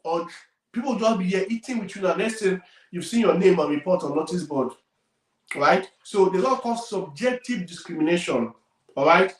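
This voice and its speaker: A man with a Nigerian accent giving career advice, emphatic and repeating his key points as his loudness rises and falls. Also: high voice, lively intonation, normal speed, echoey room, recorded from a distance, poor audio. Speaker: career coach.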